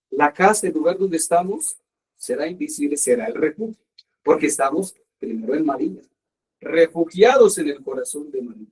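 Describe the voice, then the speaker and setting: Male priest, sermon, earnest, emphatic pauses, higher voice, distant mic. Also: a little mellow.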